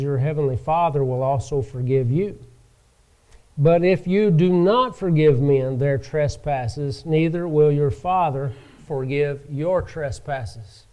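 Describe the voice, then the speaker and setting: A man preaching a sermon from the pulpit, slow and emphatic, rising in pitch and volume to stress his points. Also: warm tone. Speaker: pastor.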